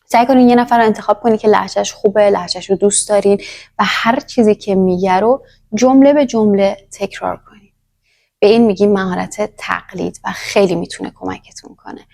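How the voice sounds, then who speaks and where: A woman's voice: mid-range voice, gravelly, a little mellow. A woman teaching a language in a casual, chatty lesson, talking straight to the viewer. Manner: chatty, addresses viewer directly.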